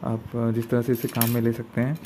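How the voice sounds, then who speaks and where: This is a young man, filmed on a phone over a table indoors, chatting hesitantly through an unboxing. He pauses often and restarts his lines. A steady hiss of noise sits under his mid-pitched voice. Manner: hesitant, many fillers and restarts. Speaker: vlogger unboxing camping gear. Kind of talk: casual unboxing talk. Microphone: handheld phone camera pointed at the table. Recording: noisy phone recording with room hiss.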